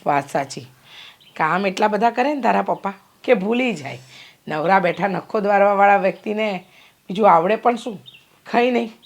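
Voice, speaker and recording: A woman's voice: medium pitch, moderate pace, close to an everyday voice. A middle-aged woman playing a worried mother who scolds and fusses over her daughter in a short film drama. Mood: sarcastic. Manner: fretful, nagging, complaining.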